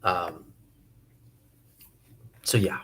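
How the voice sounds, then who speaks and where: A man musing casually to camera about philosophy, hesitant and thinking aloud with many pauses and restarts. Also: bright, forceful tone, slight background noise. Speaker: video essayist.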